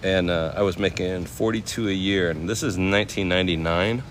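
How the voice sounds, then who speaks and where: Brisk and low-voiced, a West Coast American man in his forties, a chef who livestreams, tells casual stories in slangy, laid-back speech to people watching live. He's walking outside through a temple complex, and the recording picks up noisy surroundings and passing vehicles.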